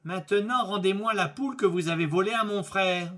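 A man voicing a bold young peasant lad in a fairy tale, making loud, commanding threats. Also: high voice, brisk, pitched above the performer's own voice.

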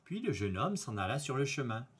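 A man reading a fairy tale aloud in a lively, expressive storytelling manner. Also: mid-range voice, fairly quick, breathy edge.

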